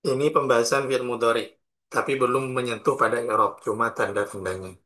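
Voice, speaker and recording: A man with an Indonesian accent teaching a grammar class in a bright, clear voice at an average pitch. He goes slowly and deliberately, spelling out each form and its examples one by one. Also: steady tone. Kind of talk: classroom lesson explaining grammar.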